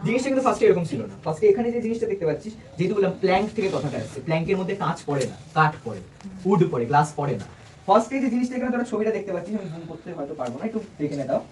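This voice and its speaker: Fast-talking young man presenting to friends. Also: high-pitched, animated, a little mellow. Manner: chatty, asks the group questions, jokes. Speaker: student presenter. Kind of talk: casual classroom presentation. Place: indoor room with a small group. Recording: distant mic with light room noise.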